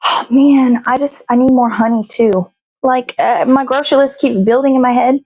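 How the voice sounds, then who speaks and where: A woman with a high-pitched yet darkish-toned voice speaks at normal speed while cooking and chatting casually in her home kitchen. As a show host, she rambles and thinks aloud with little sing-song asides, captured on a rough recording.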